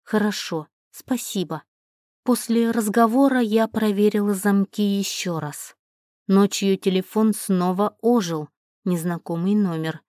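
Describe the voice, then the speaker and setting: A woman reading a first-person story aloud in a steady, measured way. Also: mid-range voice, no room sound. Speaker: narrator. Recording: dry close recording.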